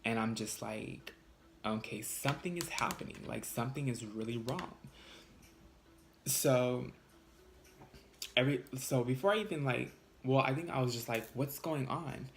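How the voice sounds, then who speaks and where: A man in a casual storytime vlog, talking fast and loose with plenty of cursing. He sits at an ordinary middle pitch but jumps sharply upward when he quotes people. Faint background noise runs under his voice. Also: gravelly. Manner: animated, profane, jumps high in pitch when quoting arguments. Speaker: vlogger.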